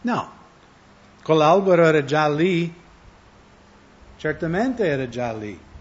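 Male preacher, conversational sermon, slightly high voice, dull lo-fi sound. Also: very animated, takes it slowly. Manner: conversational, asks the audience questions. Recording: dull lo-fi recording.

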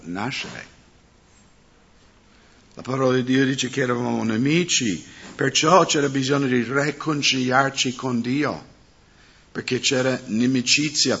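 A man preaching a sermon, asking his congregation questions as he goes. His voice is husky and sits at a middle pitch. The recording sounds dull and muffled. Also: fairly bright tone. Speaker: pastor.

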